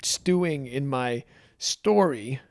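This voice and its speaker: A man's voice: medium pitch, slow. A man telling a personal story in a candid, emotional chat, with many restarts. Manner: animated, emotional, many restarts and acted quotes. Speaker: podcast guest.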